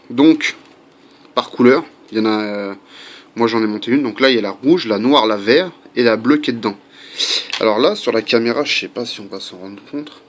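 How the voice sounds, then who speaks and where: Chatty man in a home tutorial. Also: mid-range voice. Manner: chatty, many fillers and asides. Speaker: airgun hobbyist demonstrating a part swap. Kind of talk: casual how-to video. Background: faint construction noise.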